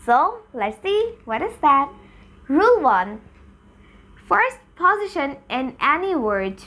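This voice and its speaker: A woman's voice: sits high, big pitch swings, drawn-out words, pushed and bright. A young adult woman teaching spoken English, switching between Bengali and English and repeating sounds and single words to demonstrate them. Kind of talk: bilingual pronunciation lesson.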